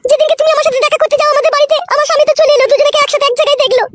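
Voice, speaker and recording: A woman putting on a shrill voice to play a quarrelsome young village wife who grumbles and complains in a comic skit. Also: fairly even intonation, rapid-fire, no echo, clean studio sound. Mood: aggrieved.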